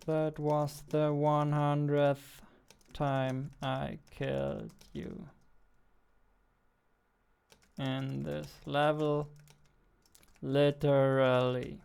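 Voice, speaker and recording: A twenty-something indie game developer and host mutters short fragments to himself while casually working through code for a thinking-aloud devlog. His voice is a little high, steady, very slow, with vocal fry and a darkish, clear, resonant tone. He's indoors at a computer desk, with faint music and keyboard typing and clicking behind him.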